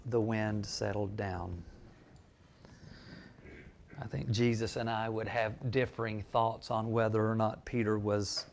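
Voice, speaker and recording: A man pastor giving a conversational sermon, reading scripture and telling church history. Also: mid-range voice.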